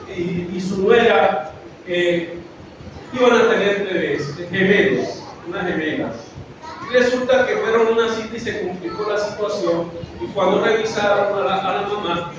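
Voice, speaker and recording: A man with a very high voice preaches an earnest, story-filled sermon, stretching out key words. He is picked up from far off in a hugely echoing room. The sound is dull and muffled, with steady noise behind him. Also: unhurried. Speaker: pastor. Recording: echoey, dull, noisy from afar.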